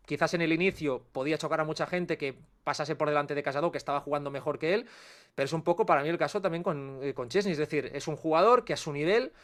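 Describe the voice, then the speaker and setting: A man with a Spanish accent, a football pundit giving quick, analytical commentary on a sports talk show. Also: a little high, fairly bright tone. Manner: fast, analytical, dense run-on sentences.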